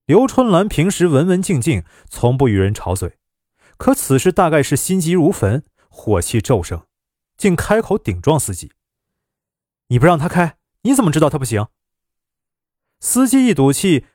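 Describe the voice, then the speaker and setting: A man telling a story aloud with a lively, widely swinging voice that rises and falls through the tense scenes. His pitch sits in an ordinary middle range, and the recording is dry and close with no room sound. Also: moderate pace, dry recording. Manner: expressive, dramatic storytelling. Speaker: narrator. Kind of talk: story narration.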